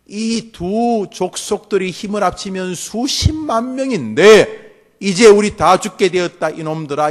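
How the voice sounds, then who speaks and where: A man acting out an aging father angrily shouting at his sons. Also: high voice, pitched above the performer's own voice, lightly acted. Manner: shouting, scolding in bursts.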